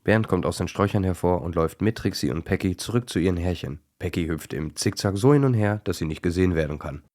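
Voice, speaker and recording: Male narrator, very low voice, gentle bedtime-story reading. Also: fast.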